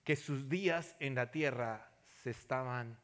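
A man preaching a sermon, telling a personal story and then appealing to listeners, going from soft near-whispers to loud passionate calls. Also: medium pitch, unhurried. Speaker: pastor.

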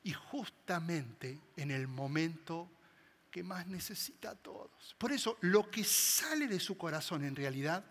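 A man delivers a sermon in a high, bright voice. He swings dramatically between loud emphatic bursts and hushed, quiet passages. A long reverb from a large hall trails his words. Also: animated, measured pace. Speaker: preacher.

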